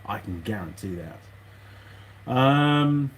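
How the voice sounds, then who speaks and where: This man's voice is lowish and slightly rough, animated yet extremely slow. He's a mechanic vlogging casually from his workshop, hesitant and meandering as he mutters to himself. Clicks and rustling parts come through on the noisy recording.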